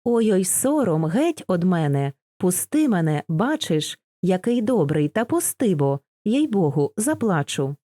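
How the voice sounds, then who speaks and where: A woman's voice: fairly low pitch, sing-song, a little slow, hardly any pauses, mellow, dry recording, clean studio sound. A woman reading an anxious young village girl. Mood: pleading. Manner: pleading, tender, tearful.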